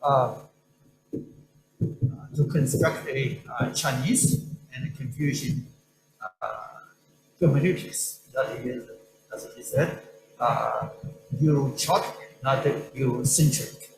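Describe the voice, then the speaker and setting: A man's voice: mid-range voice, takes it slowly, gravelly, long pauses. A man moderating a lecture Q&A, talking hesitantly with many fillers. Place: lecture hall. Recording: echoey hall with room noise.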